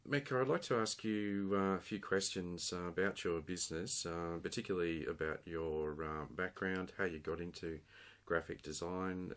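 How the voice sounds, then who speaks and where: A man hosting a casual interview, asking questions with frequent uhs and repeated words. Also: low voice. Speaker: podcast host, interviewer.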